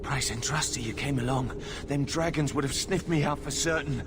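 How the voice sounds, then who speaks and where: An actor playing a frightened, rough-spoken working-class miner in a video game. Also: male voice, medium pitch, normal speed, close to an everyday voice. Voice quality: plain-spoken, coarse words.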